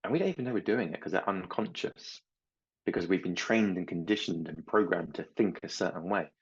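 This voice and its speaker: Low husky-voiced male coach. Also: dull audio. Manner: slow, gentle and reflective, with anecdotes about his children. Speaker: mindset coach. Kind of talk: reflective talk to camera.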